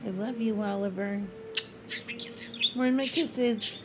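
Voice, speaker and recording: A woman talking affectionately to her pet bird at home, cooing short repeated phrases with pauses between them, with chirps behind her. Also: medium pitch, steady tone, very noisy. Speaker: pet owner talking to a budgie. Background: budgie chirps and clicks.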